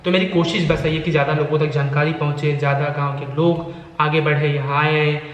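A man's voice: fairly high pitch, flat delivery, brisk. A man in his thirties, talking earnestly to a camera held at arm's length as a vlogger, explaining at length. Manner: earnest, explaining, repeats points. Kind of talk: casual vlog talk to camera. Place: bare house interior and outdoors. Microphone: handheld camera at arm's length. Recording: echoey empty room with faint noise.

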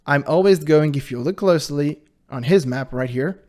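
Reacting to a video on his channel, a man with a high-pitched voice talks casually at an ordinary speed. He sounds animated and defensive and keeps breaking into laughter.

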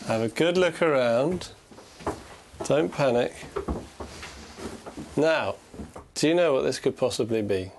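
A man presents with a mid-pitched voice and faint room noise behind him. He talks in a reassuring but blunt way, walking someone through her spending. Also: lively intonation, takes it slowly, pauses often. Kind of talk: reality TV presenting.

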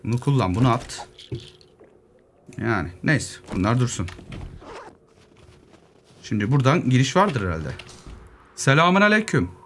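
Young male gamer, playful running commentary with wide pitch swings, faint keyboard typing behind. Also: unhurried, long pauses. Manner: lively, joking asides to zombies, muttering while looting. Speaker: gaming YouTuber. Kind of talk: casual solo gameplay commentary. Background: keyboard clicks, faint noise.

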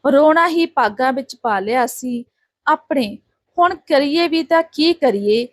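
A woman's voice: high-pitched, lively intonation, unhurried, no echo. A woman voicing a distressed Sikh village father who begs and pleads through tears. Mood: pleading. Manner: begging, tearful appeals.

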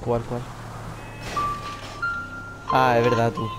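A man's voice: mid-range voice, monotone, slow pace, loud music behind the voice. Crude joking young man. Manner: crude, joking, laughs often. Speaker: podcast co-host. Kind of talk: casual chat while gaming. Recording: noisy background.

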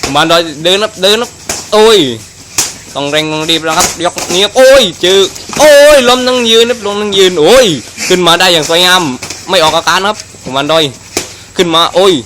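A man doing excited Muay Thai boxing commentary, full of exclamations and rapidly repeated phrases. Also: high-pitched. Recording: noisy live event recording.

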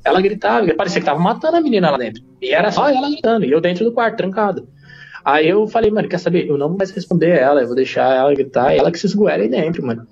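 A man tells a personal story in rapid, slangy, animated speech. His voice sits fairly high for a man. The recording is dull and lo-fi. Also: gravelly. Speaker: podcast guest. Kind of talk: casual storytelling.

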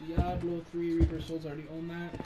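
A man's voice: on the high side, completely flat delivery, a little fast, warm tone, soft background music. A man co-playing a horror game, teasing his friend and joking around in casual let's-play chat. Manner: teasing, joking, laughs often. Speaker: co-player and channel host.

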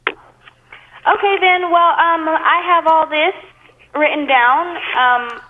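A woman working in an apartment office who talks on an echoey, cave-like speakerphone. She is polite and hesitant and pauses often with ums. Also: extremely high pitch, slight background noise. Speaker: apartment office worker taking calls. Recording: tinny phone line with long echo.

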